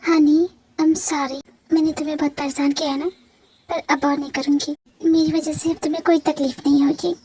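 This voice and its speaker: A woman's voice: high voice, little pitch movement, normal speed, mellow, no room sound, lightly acted. A woman voicing a heartbroken young wife who pleads tearfully and emotionally in a fan-dubbed romantic audio drama. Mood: subdued.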